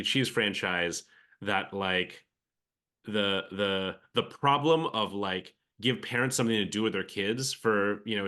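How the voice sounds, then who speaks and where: Pushed and bright, this lowish male voice belongs to a venture capital guest in his forties, Philippine-born with an American accent. He's talking on a conversational podcast interview. His reflective answers are full of fillers and false starts.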